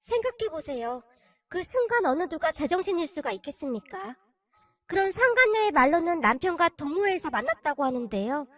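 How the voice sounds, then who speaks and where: Very high-voiced woman narrating a confession. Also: sing-song, a little fast, a bit bright, dry recording. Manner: emotional, confiding. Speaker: storyteller reading a submitted life story. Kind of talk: scripted first-person narration.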